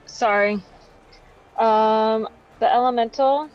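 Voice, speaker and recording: A woman's voice: on the high side, fairly even intonation, slow, smooth, soft background music. A woman playing a tabletop game, talking casually and a little unsure of herself. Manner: hesitant, unsure. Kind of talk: casual chat. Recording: dull lo-fi sound.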